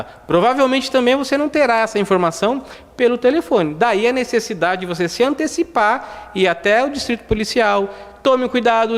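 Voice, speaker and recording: A man, lecturing on criminal defense work in a casual, chatty way. His voice sits fairly high, and he keeps tagging his sentences with quick asides. The sound rings with long reverb, as if picked up in a large lecture hall. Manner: conversational, many "né?" tags, acts out dialogue. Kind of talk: lecture with anecdotes.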